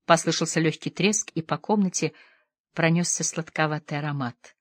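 A woman narrates a novel in a low, measured voice, telling the story with quiet drama. The recording is close and dry, with no room sound. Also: dry recording. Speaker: audiobook narrator.

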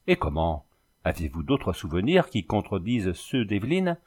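A man's voice: sits low, very animated, normal speed, a little mellow, slightly rough, heavily acted. A man voicing an anxious, bookish young husband in a storybook reading, pressing with urgent questions. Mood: agitated.

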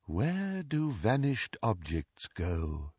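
A man voicing an enchanted eagle door knocker that speaks softly and musically, in a slightly dull, dry recording. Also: lowish voice, wildly swooping pitch, husky, no room sound, exaggerated voice. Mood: serene. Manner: soft, musical, unhurried.

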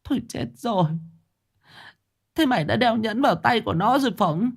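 A male storyteller voicing a frantic, worried middle-aged village mother who stammers and pleads in a raised, high voice. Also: big pitch swings, normal speed, darkish tone. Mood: panicked.

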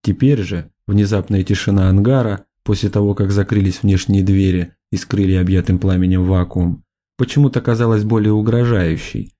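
A male audiobook narrator reads in a steady, measured style. His voice is low and dark, with a mellow tone. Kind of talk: scripted narration.

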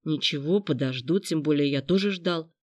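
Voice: mid-range voice, normal speed, no room sound, lightly acted. A reader voicing a predatory young man in an audiobook, with a mocking, jeering delivery. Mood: leering. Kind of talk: audiobook narration.

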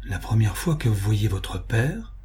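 A man reading as a sharp-witted young woman with a dry, ironic manner. The voice is dark and husky. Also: on the low side, big pitch swings, measured pace, heavily acted.

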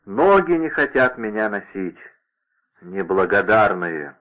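A man's voice: fairly low pitch, sing-song, takes it slowly. A man voicing a fat, aging male servant who talks in a mournful, deferential way. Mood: plaintive. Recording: narrow radio-like sound.

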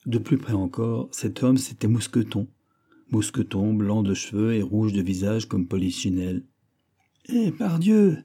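A man narrates a classic novel in a measured, steady way. His voice is low and very dark, with a husky edge. The reading is even and unhurried. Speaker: audiobook reader.

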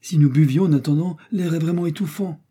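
A man voicing an excitable young male servant in an audiobook, exclaiming in wonder. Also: on the high side, brisk, breathy edge, voice pushed up. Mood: stubborn, eager. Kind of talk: audiobook character voice.

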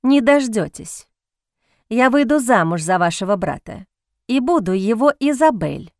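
A woman voicing a defiant, sharp-tongued young heroine in an audiobook. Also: a little high, sing-song, measured pace, no echo, clean studio sound. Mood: scornful. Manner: defiant, hissing.

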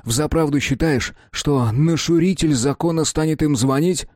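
A man voicing a burly, mocking security guard in an audiobook, with a slow sneering drawl. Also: a little high, a little mellow, dry recording, clean studio sound, pitched above the performer's own voice, natural voice.

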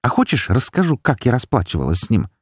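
Bitter young woman, scornful, cold, high and strained, read by a man, storybook dialogue. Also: huge pitch swings, fast talker, breathy edge, no echo, clean studio sound. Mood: venomous, mocking. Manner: harsh, scornful, shouting. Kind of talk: audiobook dialogue.

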